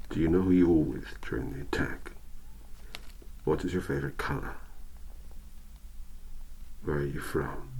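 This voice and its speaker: A man playing a cold, patient elf inquisitor in an ASMR role-play, speaking softly and deliberately with a hypnotic, coaxing manner. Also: extremely low pitch, a little hiss or hum, low-quality recording. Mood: stern, disappointed. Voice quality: soft-spoken, breathy half-soft voice. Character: cold, patient male elf inquisitor interrogating a human prisoner.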